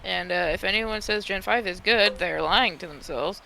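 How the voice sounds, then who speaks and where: A woman's voice: mid-range voice, moderate pace, vocal fry, pushed and bright, rough recording. A woman chatting casually as a guest on a stream call, informal, rambling and blunt. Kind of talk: casual chat. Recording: faint noise on a call.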